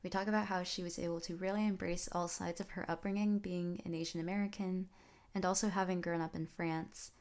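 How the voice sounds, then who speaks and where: Young woman hosting her podcast, lowish voice, bubbly and laughing a lot, on a video call. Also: flat delivery, fairly quick, a little mellow. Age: young adult. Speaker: podcast host. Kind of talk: casual interview.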